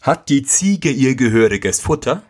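A storyteller playing a quick-tempered old tailor father who scolds gruffly. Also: medium pitch, animated, darkish tone, pitched above the performer's own voice. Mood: scolding.

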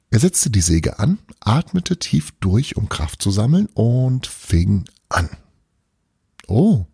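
A man narrating a children's storybook in an expressive, lively way, hosting an advent podcast. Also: fairly low pitch, gravelly, breathy edge, no echo, studio quality.

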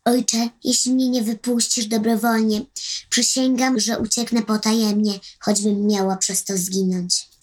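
A woman reading a storybook voices a sorrowful young captive girl who pleads in a high, plaintive voice. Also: level tone, a little slow, a little mellow, lightly acted. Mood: pleading. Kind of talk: storybook narration.

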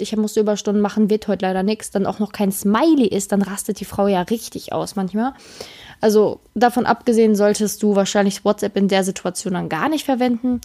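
A woman's voice: medium pitch, a little mellow. A woman coaching listeners on dating, talking straight to them in an emphatic, direct way. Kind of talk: direct-address advice monologue.

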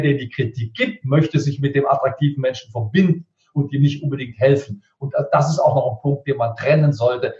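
A man's voice: medium pitch, a little mellow. A man who works as a speaker and rhetoric coach, giving emphatic advice in an interview and hammering his points home through repetition. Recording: roomy, distant, dull sound.

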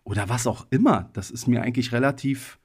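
A man's voice: medium pitch, brisk, slightly rough. A man in his thirties who grew up in Germany, hosting his own podcast in a casual, reflective monologue with loose wording and many hedging fillers. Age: 30s. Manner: thoughtful, personal, loose with frequent hedging fillers. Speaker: podcast host.

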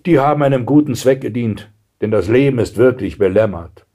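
A man voicing a sinister male masseur with a metallic-sounding, calm and mocking voice, in a storybook reading. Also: mid-range voice, a little fast, lightly acted.

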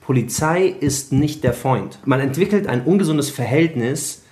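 A man's voice: a little high, lively intonation, normal speed, darkish tone. A man co-hosting a podcast, asking questions and reflecting earnestly in conversation.

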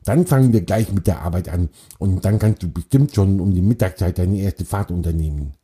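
A man's voice: low-pitched, fairly quick, mellow, husky. A man voicing a cheerful, hardworking male beaver in a children's story, easygoing and kindly.

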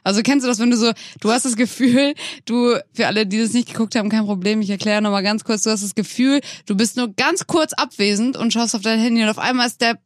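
A podcast co-host in loose conversation who asks lots of questions and then explains things at length. The voice sits at a middling pitch. The recording is close and dry. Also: fast, few pauses, dry recording. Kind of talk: casual chat.

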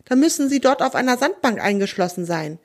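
A woman's voice: on the high side, lively intonation, brisk, pitched above the performer's own voice. A woman voicing a sensible, helpful young boy in a children's storybook. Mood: cautious.

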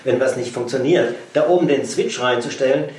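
A man's voice: mid-range voice, a little fast, a little mellow, reverberant, far from the mic. A man in casual conversation who talks in an encouraging way and repeats phrases for emphasis.

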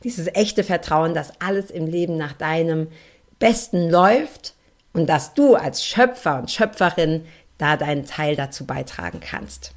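A woman's voice: sits low, animated, a little slow. A young adult woman hosting a solo spiritual podcast, talking earnestly and emphatically straight to her listeners as a coach. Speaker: podcast host and card-reading coach.

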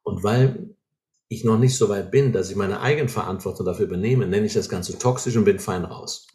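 Speaking fairly quickly in a low, mellow voice, this earnest man walks through his thinking like a teacher in conversation. Quick check-in questions keep coming to make sure he's understood, while the space sounds roomy and distinctly echoey.

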